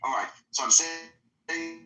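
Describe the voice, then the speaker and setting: A man's voice: a little high, slow pace, echoey room, over music. Man on a glitchy, cutting-out call. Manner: insistent, talks over others, repeats words. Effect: glitchy call audio that keeps cutting out. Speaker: debate participant on a call-in panel. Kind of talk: heated online debate. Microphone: remote call microphone.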